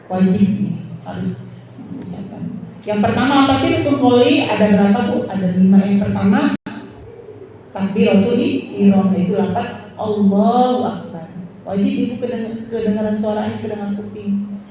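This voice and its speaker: A woman religious teacher, giving a lesson to women, asking questions and drawing out recited phrases slowly. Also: mid-range voice, slight background noise. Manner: drawn-out demonstrative recitation, asks the audience questions. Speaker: Islamic teacher. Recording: distant echoey hall, dull lo-fi sound.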